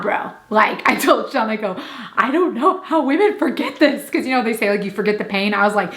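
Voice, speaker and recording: A woman's voice: medium pitch, pushed and bright. Chatty young woman in an echoey room. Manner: chatty, laughing, full of fillers and quoted asides. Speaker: vlogger. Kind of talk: casual storytelling vlog.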